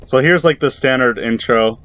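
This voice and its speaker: A gameplay video creator talks casually while playing a video game, his mid-range voice at normal speed, slightly bright, with the highs cut off. His commentary rambles and hesitates, packed with fillers, and he swears now and then when something startles him.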